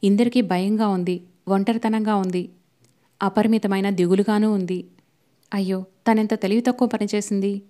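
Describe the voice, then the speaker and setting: Mellow-voiced woman narrating a novel. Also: mid-range voice. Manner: steady, even storytelling. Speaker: audiobook narrator.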